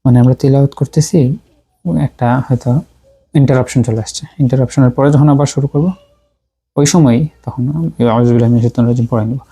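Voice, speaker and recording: A man gives a tajweed lesson on Quran recitation. He is patient and repeats syllables slowly to drill their pronunciation. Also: mid-range voice, steady tone, mellow, husky.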